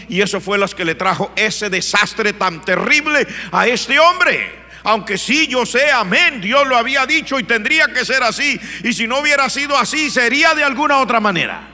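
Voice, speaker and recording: A man's voice: very high-pitched, expressive, moderate pace, sharp tone. A male pastor, preaching a sermon in an emphatic storytelling manner. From Colombia. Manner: storytelling, emphatic, plays the characters. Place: church. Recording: long church reverb.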